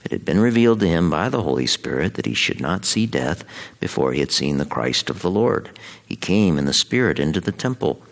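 Deep, creaky-voiced American priest. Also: male voice, big pitch swings. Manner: solemn, measured liturgical delivery. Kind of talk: Mass scripture readings and homily.

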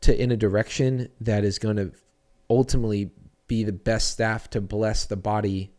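Low, mellow-voiced man in earnest interview. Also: flat delivery, normal speed. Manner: earnest, reflective, with many fillers and restarts. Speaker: children's church pastor, guest. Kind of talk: casual podcast interview.

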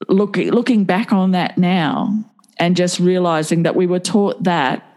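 Lower-pitched middle-aged Australian woman. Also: unhurried, a little mellow. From Sydney, Australia. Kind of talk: casual conversation.

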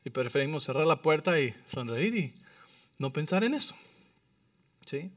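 A man preaching a sermon as pastor, often checking in with the congregation and moving between soft asides and emphatic lines. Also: a little high, very animated, normal speed, no echo, studio quality, distant mic. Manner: frequent tag questions to the congregation. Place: church.

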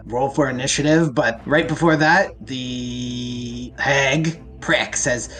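A man's voice: medium pitch, slow, fairly bright tone, faint music behind. A man running a tabletop game as game master, in a playful way.

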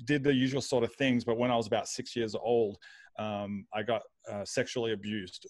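A man's voice: on the low side, no room sound. Australian man, close dry sound. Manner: rambling, repeats words as he goes. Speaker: guest, online pastor. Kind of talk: casual personal storytelling.

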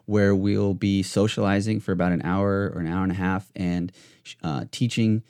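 A man with a fairly low voice hosts a casual podcast. He rambles and restarts his sentences, padding them with fillers as he goes. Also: fairly even intonation, normal speed, a little mellow, clear, resonant tone. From United States. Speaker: podcast host.

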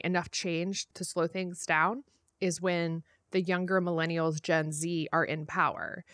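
A woman's voice: lowish voice, bright, forceful tone, no echo, clean studio sound. A woman co-hosting a podcast in casual conversation, speaking frankly and thinking aloud with lots of "like"s. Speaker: podcast co-host. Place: home room, windows shut.

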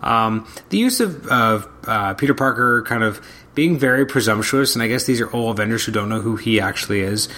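A man hosts his own solo comic review podcast, talking casually and hesitantly with lots of "um"s as he battles a cold and loses his voice. His voice is lowish, a little fast, bright, and forceful.

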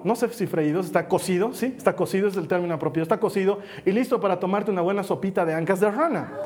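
A man's voice: sits high, darkish tone. A male pastor preaching a sermon in a conversational way, often checking in with his listeners and acting out little quotes as he tells a story. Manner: conversational, asks listeners for assent; plays out a story with small acted quotes.

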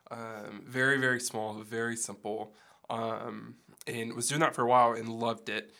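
A man with a gravelly, hoarse voice that sounds like it is giving out, chatting casually as an interview guest. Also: mid-range voice, level tone, moderate pace, bright, forceful tone. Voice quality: gravelly, losing his voice. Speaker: podcast guest, church production staff. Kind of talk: casual interview, recounting his background.

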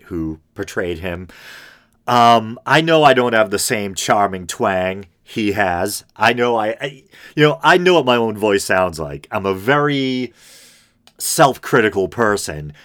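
A middle-aged man hosts his own casual solo podcast, rambling self-deprecatingly with plenty of ums and restarts. His voice is low, droning and semi-gravelly, on the deep side yet a bit bright.

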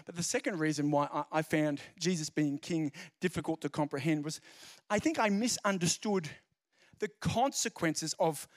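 A young man giving a lively, jokey evangelistic talk, telling stories and repeating key phrases. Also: a little high, moderate pace. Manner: animated storyteller, jokey asides, repeats phrases. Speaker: speaker explaining Christianity.

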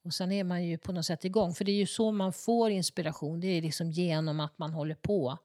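A woman's voice: lowish voice, steady tone, mellow, dry recording. Guest, woman, potter, rambling and full of fillers, dry close sound. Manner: hesitant, rambling with many fillers and restarts. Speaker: ceramicist guest. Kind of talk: casual interview chat. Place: her own pottery workshop.

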